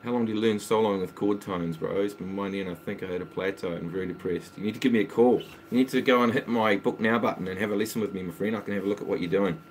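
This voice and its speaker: Talking fast with hardly any pauses, a man with a lowish voice chats between songs on his home live stream, where he teaches guitar and takes viewer requests in a loose, easygoing manner. The audio quality is poor, with slight background noise and a water pump going.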